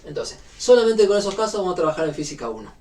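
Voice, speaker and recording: A man's voice: sits high, very animated, very fast, darkish tone, recorded from a distance. A man with a Rioplatense Spanish accent giving a university physics lecture, explaining step by step with frequent fillers.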